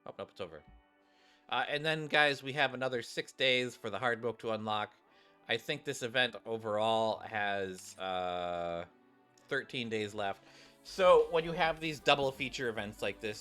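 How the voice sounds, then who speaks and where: A man streaming games speaks at normal speed in a fairly low, bright, forceful voice. His informal, rambling commentary addresses viewers directly and includes story text read aloud, set against game music.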